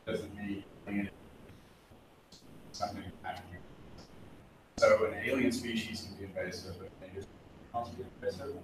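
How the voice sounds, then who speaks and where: Low-voiced man, distant and echoey. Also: steady tone. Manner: explanatory, halting with restarts. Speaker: scientist answering from the audience. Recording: echoey, distant, noisy room.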